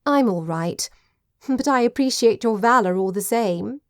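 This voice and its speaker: A woman as a brisk genteel lady detective. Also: a little high, expressive, no room sound, clean studio sound. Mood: fond.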